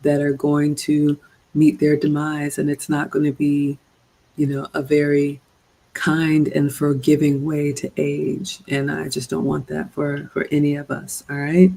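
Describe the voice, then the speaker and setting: A middle-aged woman from Ghana hosts a livestream as a relationship coach, lecturing her female viewers in an earnest, preachy way. Her voice is dark and gravelly, with a fairly flat, even delivery. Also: low voice, unhurried, low-quality recording. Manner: earnest, preachy, addresses "ladies" directly. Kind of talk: livestream commentary with viewer shout-outs.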